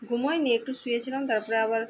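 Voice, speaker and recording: A woman with a West Bengal Bengali accent chatting casually at home in a daily vlog, her voice slightly hoarse, often trailing off as she talks. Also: a little high, very fast, a little hiss or hum, poor audio. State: voice going hoarse from the heat. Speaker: housewife vlogger. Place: at home, indoors.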